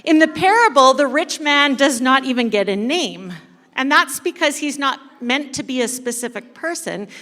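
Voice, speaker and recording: A kids ministry coordinator leads a church service with an interactive storytelling sermon, speaking directly to the congregation in a church hall. Her higher-pitched, fairly bright voice is unhurried and playful, with dramatic pauses, heard in an echoey hall with long reverb.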